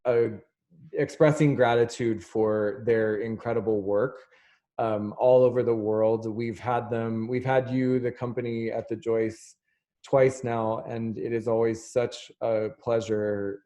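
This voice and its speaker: A man moderating an artist talkback over a video call, giving closing thanks in an unhurried way with many fillers. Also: mid-range voice, little pitch movement, warm tone. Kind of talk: closing remarks in a video chat.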